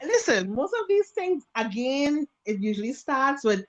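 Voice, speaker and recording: Trinidadian woman telling animated stories. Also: sits high, measured pace, lo-fi sound. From Trinidad and Tobago. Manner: animated storytelling, acts out quotes. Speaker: guest face and body painter. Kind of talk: casual interview chat over video call. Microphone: video call.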